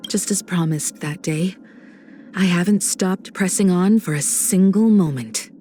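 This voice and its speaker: An actress voicing Himeko, a graceful, composed and warm space navigator in a video game, with a poised, gently reassuring manner. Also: female voice, lowish voice, a little slow, slight background noise, natural voice. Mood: reflective, admiring. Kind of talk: polished game voice acting.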